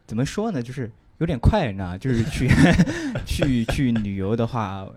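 A man's voice: medium pitch, huge pitch swings, moderate pace, warm tone. A man telling a story on a comedy chat show, hesitant, repeating words and laughing at himself. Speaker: comedian guest. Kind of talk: casual comedy podcast chat.

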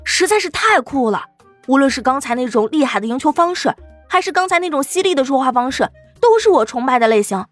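A man voicing an excitable, gushing schoolkid sidekick in an audiobook, teasing and easily impressed. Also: very high-pitched, quick pace, no echo, soft background music, voice pushed up. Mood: excited. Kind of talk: audiobook character voice.

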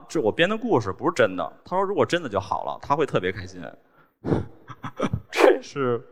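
A man, speaking in an ordinary mid-range voice, tells his stories in a wry, deadpan way and lets small laughs slip in. He is on stage in a large hall, and a long reverb trails each phrase. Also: medium pitch. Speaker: cartoonist giving a stage talk. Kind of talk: storytelling talk on stage.

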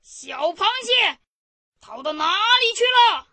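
A woman voicing a hungry, boastful, bullying male tiger in a bedtime story, blustering in a growly, drawn-out way. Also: high voice, sharp tone, dry recording, exaggerated voice.

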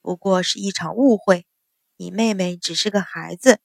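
A woman's voice: medium pitch, normal speed, darkish tone, no room sound, clean studio sound, voice pushed down, close to an everyday voice. A woman voicing a stern middle-aged father, an official, speaking coldly and scolding.

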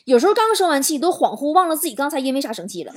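A woman talk show host, telling stories in an animated, exaggerated comic monologue. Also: sits high, racing. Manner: animated, exaggerated storytelling with swearing and laughter. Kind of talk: comedic monologue.

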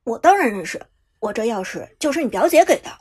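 A woman voicing an easygoing young man who talks calmly and tries to placate. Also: fairly high pitch, a little fast, slightly rough. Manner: calm, placating.

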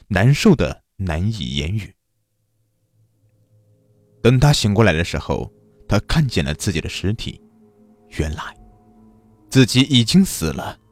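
A man narrating a dark story in an expressive, dramatic manner. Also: lowish voice, dry recording.

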